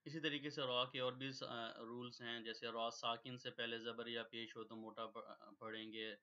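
A man with a bright, forceful voice gives a tajweed lesson and explains each rule patiently, step by step. He mixes English words into his teaching. The recording sounds dull and lo-fi. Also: mid-range voice, level tone. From Pakistan. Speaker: Quran recitation teacher.

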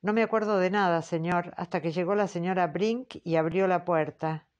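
A woman reading the part of a frightened young woman answering questions, in a soft, hesitant way. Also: on the low side, normal speed, lo-fi sound, lightly acted. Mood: fearful. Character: frightened young woman witness, timid and polite. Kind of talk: audiobook character reading.

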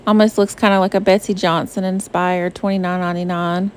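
A woman's voice: on the low side, little pitch movement, a little fast, a little hiss or hum. A young adult woman from the southern US, narrating a shopping trip in a casual, bubbly voice-over full of "um" and "like". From Southern United States. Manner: chatty and bubbly, many fillers like "um" and "like". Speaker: shopping vlogger. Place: voice-over recorded apart from the pictured store. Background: faint background music.

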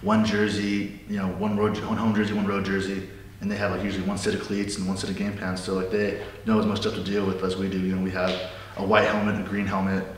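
A man's voice: low-pitched, monotone, fast talker, heavy reverb, far from the mic, slight background noise. A man in his twenties from California, an equipment manager speaking casually and earnestly in an interview. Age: 20s. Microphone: lapel mic.

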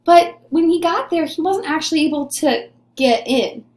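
Her voice sits high and sounds animated and a little mellow, moving at a moderate pace with a roomy quality. She is an early elementary teacher in her twenties, reading aloud to young children encouragingly and answering her own questions as though pupils had spoken. A desk-distance webcam or camera records her in a small room.

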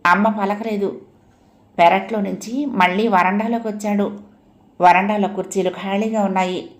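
A woman reading a story aloud in a gentle, unhurried storytelling manner. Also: mid-range voice. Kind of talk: audiobook story narration.

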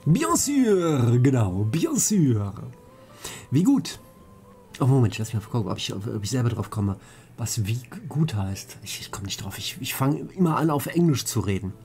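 A man's voice: lowish voice, fairly quick, creaky, darkish tone, soft background music. A man hosting a let's play, casually commentating and joking while reading out chat questions.

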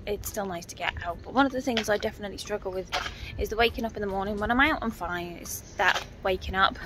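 Holding her phone at arm's length, a woman chats her way through a walking vlog, wandering from town streets to the inside of her home. Her talk is loose and rambling, full of "so" and "um." She has a medium-pitched, fairly bright voice.

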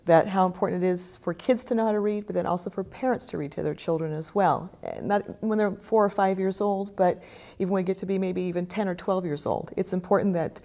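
A woman storyteller, earnest and warm, talking on a local TV show about reading to kids. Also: lowish voice, fairly quick, vocal fry. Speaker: storyteller guest. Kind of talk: interview then storybook narration. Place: local TV studio.

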